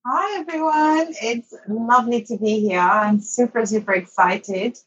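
The audio is dull, but the woman's fairly bright, slightly high voice comes through as she speaks a little slowly. An online English teacher, she appears as an interview guest and casually recounts her journey from Somalia to Saudi Arabia as a child and then on to London.

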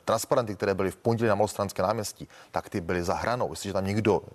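A middle-aged man, a former minister, arguing insistently in a heated studio debate and repeating words to talk over others. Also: on the low side. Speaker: political guest, former minister.

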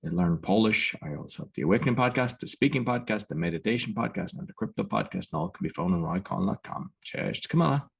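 A man's voice: lowish voice, expressive, a little fast, vocal fry, few pauses, husky. An English-speaking man hosting a podcast, practicing Polish hesitantly in an easygoing way. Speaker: podcast host and Polish learner. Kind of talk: language-learning podcast chat.

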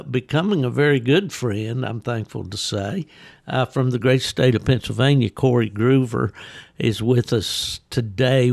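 An older American man from West Virginia chats casually as a podcast host, rambling and folksy with a gravelly voice. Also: medium pitch, darkish tone, no room sound, studio quality. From West Virginia, United States. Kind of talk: casual chat, reminiscing. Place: at home in a hot room he calls a sauna, fan and ice bucket.

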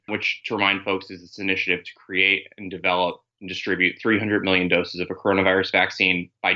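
A male correspondent explains the news as an interview guest. His voice is fairly low with a bright, forceful edge. It comes through a dull, band-limited remote connection.

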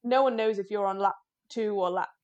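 A woman's voice: mid-range voice, brisk, darkish tone, muffled recording. A woman being interviewed, talking casually with many restarts and frequent laughs. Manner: chatty, self-deprecating, laughs often, many restarts. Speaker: guest, cyclist.

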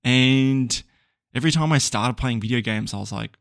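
A young Australian man hosts a casual solo podcast, rambling and chatty with plenty of ums and small laughs. His mid-range voice is gravelly yet fairly bright at normal speed, captured in clean studio sound with no echo.

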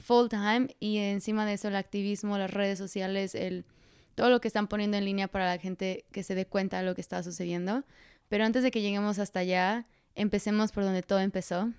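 Crisp-voiced woman hosting a podcast. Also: medium pitch, steady tone, brisk, darkish tone, no echo, studio quality. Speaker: podcast host. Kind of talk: interview.

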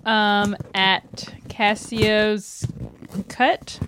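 A woman's voice: mid-range voice, flat delivery, drawn-out words, background noise. A woman co-hosting a casual snack-tasting show, reacting with exclamations and giggles. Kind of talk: casual chat.

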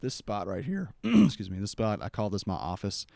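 A man's voice: fairly low pitch, very animated, moderate pace, gravelly, dark tone, no echo, studio quality. A man hosting a podcast, telling a rambling story outdoors with lots of restarts and acted-out quotes. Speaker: podcast host. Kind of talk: casual storytelling conversation.

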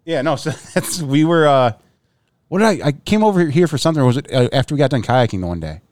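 A man's voice: mid-range voice, lively intonation, fast, a little mellow, no room sound. Man, podcast co-host, bouncy laughing banter, dry close mic. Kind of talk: casual chat.

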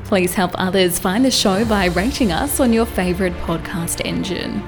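A woman's voice: lowish voice, moderate pace. Woman announcer over music. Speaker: show announcer. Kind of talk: scripted intro voice-over. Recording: voice-over with clear music behind.

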